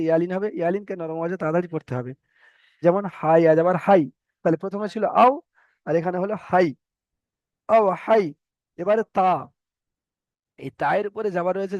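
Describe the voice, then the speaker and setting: A man teaching a Quran recitation class online, who explains slowly and repeats each rule and letter sound for his students. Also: high-pitched, a little mellow, no room sound, highs cut off. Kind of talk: online tajweed lesson.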